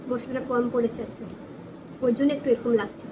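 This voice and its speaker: A woman's voice: a little high, level tone, a little fast. A woman with a West Bengal Bengali accent chats casually to viewers over a meal as a food vlogger, sometimes talking with food in her mouth. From West Bengal, India. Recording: clear background noise and ambience.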